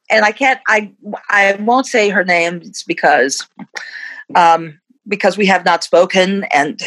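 A musician in her fifties gives a casual interview in a mid-range, fairly bright voice, captured on a rough recording. She reflects as she talks and often laughs between thoughts.

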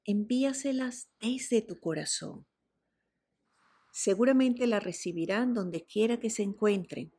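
A woman guiding a relaxation meditation in a soft, soothing voice, with breathy whispered cues. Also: mid-range voice, unhurried. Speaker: meditation guide.

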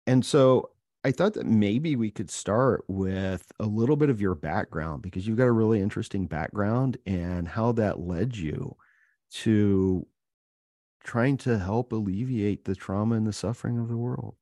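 A man with a very low voice hosts an interview in an earnest, unhurried way. The sound is dry and close, with no room around it. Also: dark tone, no room sound. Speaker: podcast host.

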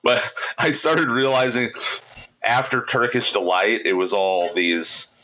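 A man's voice: medium pitch, takes it slowly, bright, forceful tone, rough recording. A man co-hosting a podcast in casual chat, playful and laughing often as he quizzes his co-host.

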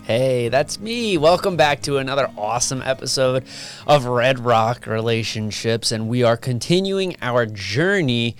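A man's voice: medium pitch, animated, unhurried, clean tone, faint music behind. A man hosting an interview podcast, upbeat and friendly, with some filler words. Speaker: podcast host.

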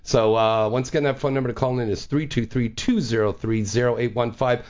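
A man's voice: mid-range voice, steady tone, fairly quick, a little mellow. A man hosting a casual adult talk-radio show, effusive and repeating himself. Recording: dull lo-fi audio with music behind.

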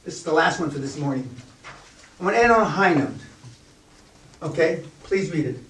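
A man in his sixties leading a business coaching seminar, blunt and profane, telling animated stories to a room. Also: a little high, normal speed, recorded from a distance, slight background noise. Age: 60s. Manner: blunt, swearing, animated storyteller. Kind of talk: profane motivational seminar talk. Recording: echoey room heard from afar.

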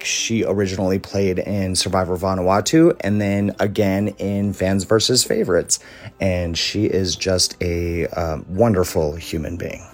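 A man with a very low voice leaves an earnest voicemail. He speaks in a plain, friendly way over faint music. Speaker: caller leaving a voicemail.

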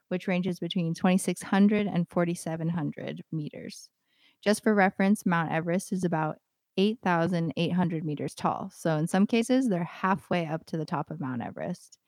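A woman's voice: fairly low pitch, a little mellow, no echo. A young woman co-hosting a podcast, chatting in a friendly way and reading out a segment. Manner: friendly, giggly, conversational. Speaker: podcast co-host. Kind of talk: casual chat and read-out segment.

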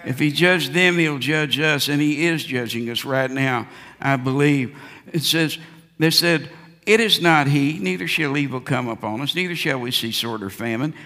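A man's voice: a little high, normal speed, sharp tone. A man preaching a Bible sermon with fiery, admonishing urgency like a wrathful prophet, emphatically repeating key phrases. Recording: reverberant hall, long echo.

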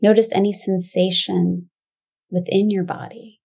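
A woman guiding a calm grounding exercise as a body-awareness teacher, giving soothing, gentle instructions. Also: medium pitch, a little slow, creaky, slightly rough. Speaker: Pilates and embodiment teacher, guest.

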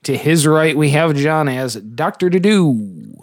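A man's voice: a little high, lively intonation, slow pace, no echo, studio quality. Theatrical man hosting a tabletop game. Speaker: podcast host and dungeon master.

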